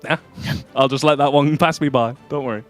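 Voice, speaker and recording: A man doing live esports commentary on a fighting game, joking and jumping up in excitement on big plays. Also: mid-range voice, brisk, soft background music.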